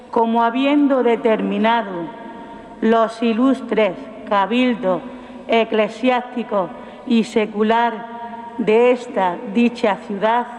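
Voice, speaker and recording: A man giving a solemn, formal reading of an old proclamation at a church ceremony, in measured, deliberate phrases. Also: extremely high pitch. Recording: echoey hall with long reverb.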